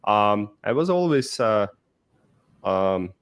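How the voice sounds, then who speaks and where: A man's voice: on the low side, big pitch swings, slow, clean tone. A man from Russia with a Russian accent, telling his life story as a podcast guest, with many fillers and restarts. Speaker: guest, startup founder. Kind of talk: casual interview.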